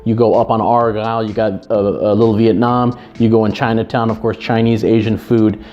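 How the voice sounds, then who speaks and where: A man's voice: fairly low pitch, level tone, moderate pace, mellow. Earnest man talking to camera. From Chicago. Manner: earnest, with frequent restarts and repeated words. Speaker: real estate agent and channel host. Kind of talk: casual to-camera talk. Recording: slightly dull lo-fi sound with faint music.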